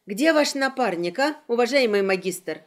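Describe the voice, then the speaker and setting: A woman's voice: on the high side, lively intonation, normal speed. A woman voicing a brash, irritated young female dispatcher calling over a magic signal circle, bossy and snappy. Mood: bossy, annoyed. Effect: voice through a magic signal circle.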